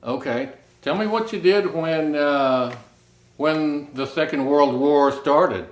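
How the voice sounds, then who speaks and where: Guy asking interview questions slow and gentle, roomy echo. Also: a little high.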